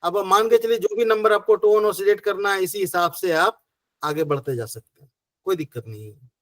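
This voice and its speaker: A man with a fairly high voice and a Hindi accent teaches a class, walking through each step patiently and asking himself questions before answering them. The sound is dry and close, with little room echo. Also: brisk, a bit bright. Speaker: acupressure teacher. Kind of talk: online class explanation.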